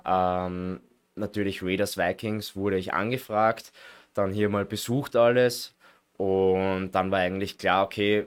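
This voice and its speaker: A man in his late twenties from Vienna, Austria, an American football player, chats casually as an interview guest. He speaks with a Viennese accent in a lowish, clean voice.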